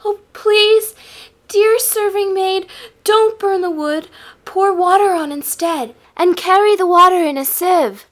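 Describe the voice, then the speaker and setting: A woman's voice: high voice, lively intonation, moderate pace, fairly bright tone. A woman voicing a frightened but clever little girl in a folk tale, polite and pleading.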